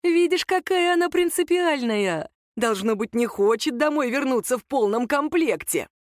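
A woman voicing a lanky, menacing male thug who mocks his victim in a slow, sneering drawl. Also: high voice, lively intonation, no echo, clean studio sound, voice pushed up. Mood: menacing, mocking.

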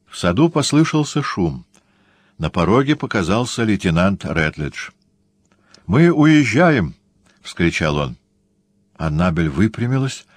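A man narrating an audiobook in an even, steady reading. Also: deep voice, no room sound.

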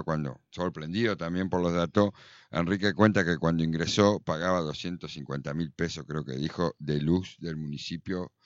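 A man's voice: low-pitched, no echo, dull audio. A man with an Argentine accent hosting a radio interview, asking questions conversationally and murmuring constant agreement while his guest speaks. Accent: Argentine Spanish.

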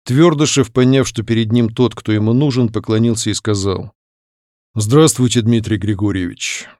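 A man narrating an audiobook in a measured, clear reading voice. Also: mid-range voice, a little mellow, no echo, studio quality. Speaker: audiobook reader. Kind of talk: scripted narration.

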